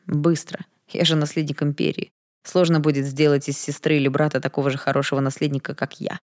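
A woman's voice: low-pitched, little pitch movement, fairly quick, a little mellow, close to an everyday voice. A woman voicing an arrogant, mocking young male prince in an audiobook, with a smug, teasing manner. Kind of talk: audiobook character voice.

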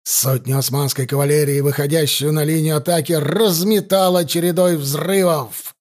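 A man narrates an audiobook in a dramatic, scripted read. His voice sits fairly high for a man, and he slows down to lean on the key moments. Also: fairly even intonation, a little mellow.

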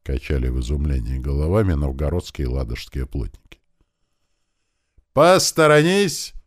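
A man reading an adventure audiobook aloud in an expressive style, acting out the shouts of the characters. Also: rumbling low, fast, breathy edge, dry recording, studio quality. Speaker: audiobook narrator. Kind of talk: scripted narration.

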